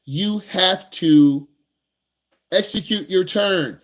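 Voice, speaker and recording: A driving instructor talks straight to the camera with plenty of energy and emphasis. His voice is high for a man, and now and then he puts on a nervous student's voice. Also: extremely slow. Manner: animated, emphatic, acts out nervous students in a higher voice.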